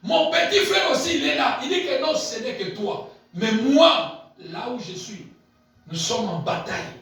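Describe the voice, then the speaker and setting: A man preaching a sermon as pastor, swinging between shouted peaks and low murmured asides and repeating key phrases. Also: expressive, measured pace. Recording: very echoey hall, voice picked up from a distance.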